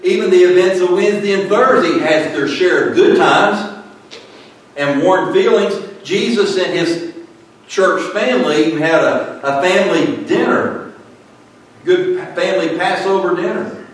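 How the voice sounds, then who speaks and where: A man preaching a sermon and reading scripture aloud, emphatic and deliberate, with short asides to the congregation. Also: high voice. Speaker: pastor. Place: church sanctuary. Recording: echoey hall, mic at a distance.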